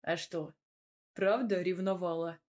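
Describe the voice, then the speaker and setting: A man's voice: sits high, steady tone, measured pace. A woman reading a blunt, teasing young man in an audiobook. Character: teasing, possessive young man, the heroine's lover.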